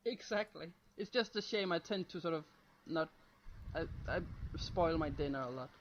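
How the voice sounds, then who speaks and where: A woman's voice: sits low, animated, moderate pace, lo-fi sound, slight background noise. A woman co-hosting a casual podcast, teasing the others and giggling often. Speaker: webcomic creator, podcast co-host.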